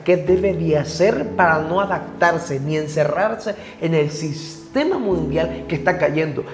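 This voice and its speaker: A man with a fairly high voice talks in an earnest, preachy way about the church, pausing and restarting as he goes. His voice rings in an echoey room. A faint hiss sits under his words. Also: darkish tone. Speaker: podcast guest minister. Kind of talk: church discussion.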